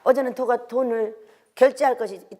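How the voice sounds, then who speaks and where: An older woman preaching a sermon with strong emotion, swinging between loud exhortation and hushed whispers and asking the congregation rhetorical questions. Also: fairly high pitch, steady tone, moderate pace.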